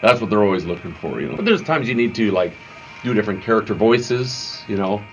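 Chatty radio host, low voice. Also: male voice, expressive, brisk. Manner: talkative, loose, lots of fillers and restarts. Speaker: radio morning show host. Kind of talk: casual explanatory chat. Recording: slightly dull lo-fi sound with faint music.

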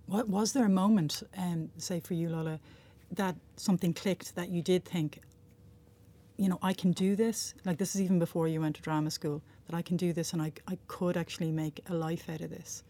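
Female interviewer, conversational questioning, very soft-edged mellow timbre on the lower side. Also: steady tone, a little fast.

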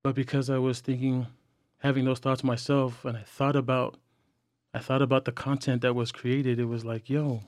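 Young man, podcast guest, earnest and halting, dry close mic. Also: medium pitch, flat delivery, darkish tone, no room sound. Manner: earnest, halting with frequent fillers and restarts. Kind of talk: candid personal sharing.

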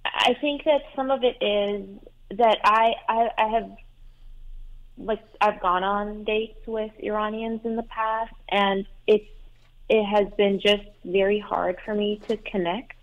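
A young adult woman whose first language is Farsi calls in to an advice show over a tinny phone line. She speaks slowly in a medium-pitched, steady voice, hesitant and full of fillers and restarts.

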